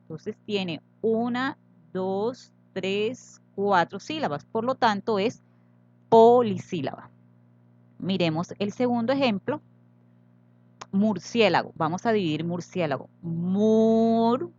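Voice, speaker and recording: A woman teacher explaining Spanish syllables and accents slowly and patiently in a recorded grammar tutorial. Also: medium pitch, expressive, dull audio.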